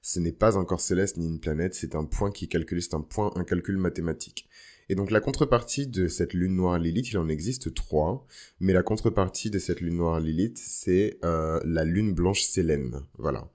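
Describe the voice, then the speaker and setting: A man's voice: low voice, moderate pace, darkish tone. A man hosting an astrology podcast as a casual, informal monologue, dropping bits of English slang into his talk. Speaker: podcast host.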